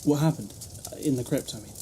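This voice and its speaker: A man playing a philosophical time traveller in an audio drama, measured and theatrical. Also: medium pitch, mellow, slight background noise, lightly acted. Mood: curious, wry. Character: the Doctor, philosophical alien time traveller, reflective.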